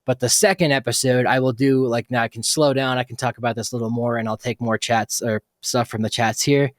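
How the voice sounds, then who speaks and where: Young adult male podcast host, mid-pitched, dry close mic, rambling and chatty, lots of filler words. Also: steady tone, brisk, no room sound. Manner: rambling, tangent-prone, many fillers. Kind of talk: casual solo podcast talk.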